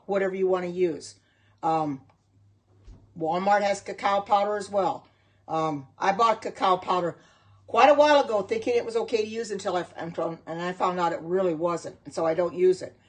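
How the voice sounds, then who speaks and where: Speaking in a fairly low voice with a breathy edge, this middle-aged US woman streams live from her home kitchen. The vegan home cook meanders through casual chat and replies to comments from viewers.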